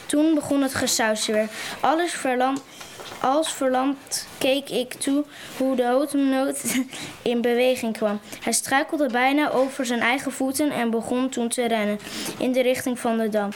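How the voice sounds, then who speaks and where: Woman reading aloud from a novel, high voice, halting. Light noise. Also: steady tone. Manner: stumbling reading with restarts. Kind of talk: reading a book passage aloud.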